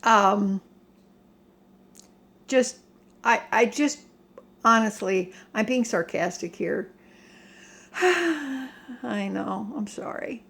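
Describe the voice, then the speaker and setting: An older American woman giving a casual rant to viewers in a halting, emphatic, plain-spoken way. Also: a little high, expressive, creaky, a bit bright. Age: older, 60s or above. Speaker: home vlogger. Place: home kitchen.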